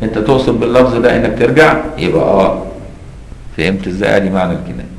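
A fairly low-voiced man with an Egyptian accent teaches jurisprudence in a casual, explanatory way. He checks in with his students again and again. The room around him rings with echo. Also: lively intonation, rapid-fire. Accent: Egyptian Arabic. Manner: explains in colloquial asides and keeps asking "got it?". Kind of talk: classroom lesson on a legal text.

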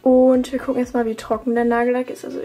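A young German beauty vlogger sits at her desk at home and casually talks through her routine in a tutorial-style chat. Her voice is on the high side and mellow, fast but flat in delivery, with fillers and self-corrections.

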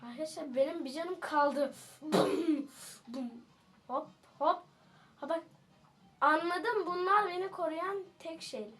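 A woman giving casual gameplay commentary as a streamer, jokey and excitable, teasing the enemies with sudden shouts. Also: extremely high pitch, unhurried. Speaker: gaming streamer.

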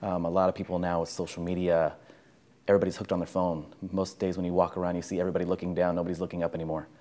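A man's voice: sits low, level tone, rapid-fire, dark tone. A man reflecting earnestly on barbershop culture in a documentary interview in a barbershop.

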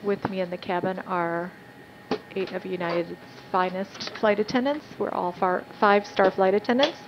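A woman working as flight purser, giving courteous, scripted announcements over an airliner's cabin loudspeaker. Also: mid-range voice, steady tone, normal speed. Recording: muffled PA with cabin hum.

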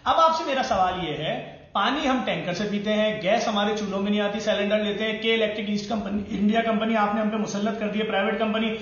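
An indignant young man delivers a heated rant to a phone camera, naming item after item. His voice sits very high for a man. The recording is heavily echoey and dull, like lo-fi phone video. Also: a bit bright, a little hiss or hum. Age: young adult. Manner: indignant, lists items one by one while holding them up. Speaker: citizen making a complaint video.

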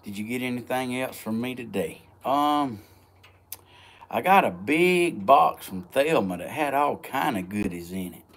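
A man with a Southern US accent and a slow, folksy drawl, chatting casually to viewers as he vlogs outdoors. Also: medium pitch, lively intonation. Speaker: vlogger. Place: outdoors, rural yard and woods.

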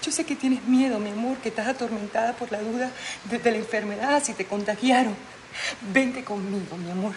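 A woman's voice: fairly high pitch, fairly quick, a little hiss or hum, lightly acted. An actress playing a mother who tenderly pleads with her daughter to come home, in a telenovela. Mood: pleading. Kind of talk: telenovela acting.

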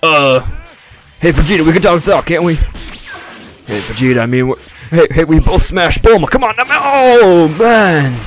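A man acts out a cocky young cartoon fighter in an impression voice, pitched a bit high. He boasts casually and flusters easily, a goofy martial artist, with game music and blasts behind him. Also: expressive, moderate pace, natural voice. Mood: flustered.

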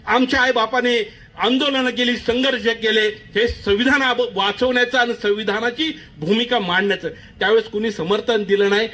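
A man delivers a fiery rally speech, hammering home points with repeated rhetorical questions. His voice sits very high and sounds bright and forceful. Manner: impassioned, rhetorical repetition and questions. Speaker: political party worker giving a rally speech.

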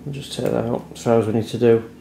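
Handling clicks, background hiss, and a roomy echo fill this recording of a man at a dining table at home, narrating a hands-on repair tutorial with careful, unhurried step-by-step explanation. He talks fast in a gravelly yet mellow voice of medium pitch with fairly even intonation.

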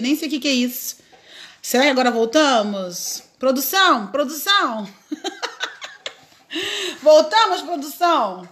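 Chatty high-voiced Brazilian woman crafting live. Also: a bit bright. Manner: chatty, laughs often, greets viewers by name. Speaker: craft live-stream host. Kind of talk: casual live craft tutorial chat.

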